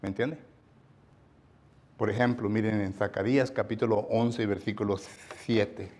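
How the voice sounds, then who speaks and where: A man with a Mexican Spanish accent preaching a sermon, talking in a chatty way with frequent tag questions and loud stressed emphasis on scripture. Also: on the low side, steady tone, unhurried.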